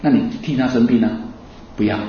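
A man's voice: mid-range voice, a little fast, slight background noise. Man, Buddhist sermon, rhetorical questions, very echoey hall, distant dull recording. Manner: lively, rhetorical questions to the audience, laughing asides. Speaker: Buddhist teacher. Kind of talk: Buddhist dharma talk. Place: hall with an audience.

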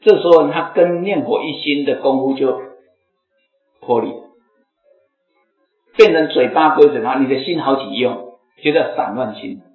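A slightly hoarse man giving a Buddhist dharma talk to a seated audience, explaining and chanting examples aloud. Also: medium pitch, a little slow, pauses often. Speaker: Buddhist teacher. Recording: echoey phone-like lecture recording, faint music.

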